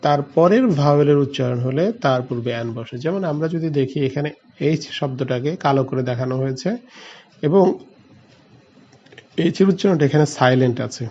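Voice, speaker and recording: A man's voice: medium pitch, a little fast, a little mellow, lo-fi sound. A male teacher from Bangladesh explaining a grammar lesson step by step, spelling out letters and answering his own questions.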